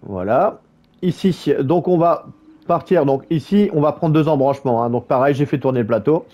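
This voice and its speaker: A man's voice: fairly high pitch, lively intonation, normal speed, warm tone. A man talking through a game build in a casual voice-over, stumbling over words with many fillers and restarts. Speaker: gaming YouTuber. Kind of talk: casual gameplay guide voice-over.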